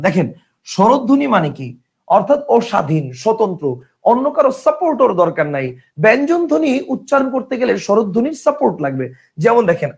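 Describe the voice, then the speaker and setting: A man's voice: high-pitched, gravelly, a little mellow, husky. A man teaching an online grammar class, who repeats his questions and keeps asking whether the students understand. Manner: reads out viewer comments and replies.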